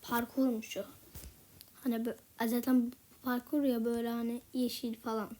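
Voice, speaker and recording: A woman giving casual gameplay commentary in a soft, half-whispered voice, a little sick with a slightly rough voice. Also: fairly high pitch, flat delivery, normal speed. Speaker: gaming channel host.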